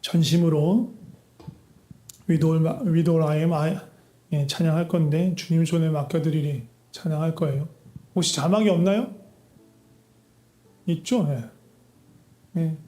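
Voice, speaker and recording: A man with a high, mellow voice preaches an earnest sermon, pressing his listeners with rhetorical questions. His words ring out through an echoey church hall. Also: slow, long pauses. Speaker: pastor. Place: church sanctuary.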